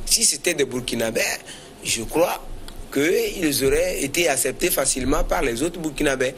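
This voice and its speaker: A man with a slightly high voice and lively intonation talks at normal speed, with a little hiss or hum in the background. He is a panelist giving unscripted political commentary in a current affairs debate, hesitating and repeating words as he develops his argument.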